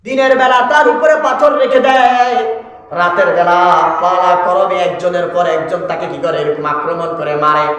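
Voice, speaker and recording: A man with a high, bright voice preaches in a sing-song chant. He rises into soaring cries and drops into slow, low phrases. His voice rings through a heavily echoing hall. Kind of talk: Bengali waz sermon.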